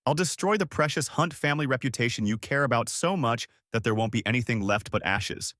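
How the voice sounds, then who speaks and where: A man's voice: mid-range voice, brisk, fairly bright tone, no echo, clean studio sound, natural voice. A man playing a furious billionaire son. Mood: threatening. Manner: cold, commanding, angry. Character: wronged wealthy man, furious at his mother.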